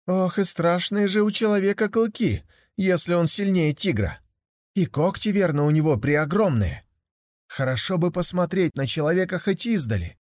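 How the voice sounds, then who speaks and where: A naive, hot-headed young tiger , as a man puts him on speaks in a high, lively voice. He swoops about as he exclaims and asks. The sound is close and dry. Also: moderate pace, no echo. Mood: wondering.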